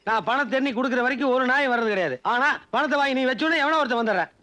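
A grumbling gray-haired village elder. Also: male voice, very high-pitched, rapid-fire, pushed and bright. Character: gray-haired village man courting a mistress.

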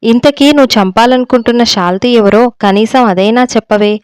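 A woman's voice: on the high side, a little fast, darkish tone, smooth, dry recording, natural voice. A woman voicing a timid, anxious young wife who pleads with her friend in a storybook reading.

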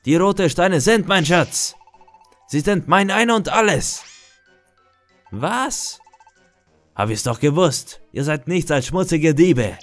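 A menacing, greedy male monster , voiced by a man reading the game text, growls out his threats in a loud, drawn-out voice. Faint game music plays behind him. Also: a little high, expressive, pitched above the performer's own voice. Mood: furious.

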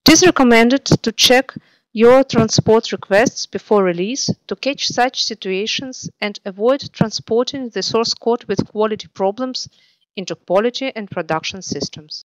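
Dry, steady woman tutorial narrator. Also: a little high, moderate pace, dry recording, low-quality recording. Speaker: software tutorial presenter. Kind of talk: scripted screencast narration.

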